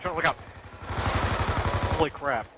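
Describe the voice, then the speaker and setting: A young man in casual game chat, giving quick callouts to teammates. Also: on the high side, heavy background noise. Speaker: gamer. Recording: loud game gunfire behind.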